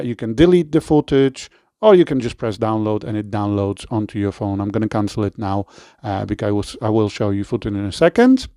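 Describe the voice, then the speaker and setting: A man with a Polish accent gives a relaxed product review and walks through the installation, often using fillers and correcting himself. His mid-range voice is recorded at studio quality with no echo.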